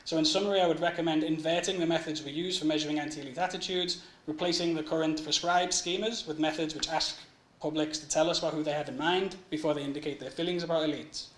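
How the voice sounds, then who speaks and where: A man's voice: a little high, fairly even intonation, fast talker, hardly any pauses, fairly bright tone. A young man giving an academic conference presentation on his doctoral research. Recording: echoey room with faint noise.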